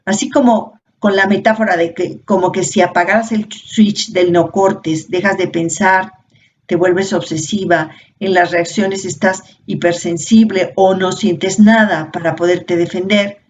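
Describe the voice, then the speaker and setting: A woman leading an informal workshop, explaining at an unhurried pace and posing rhetorical questions to her listeners. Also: lowish voice, steady tone. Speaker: workshop facilitator. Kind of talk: informal teaching talk. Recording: dull lo-fi audio with faint noise.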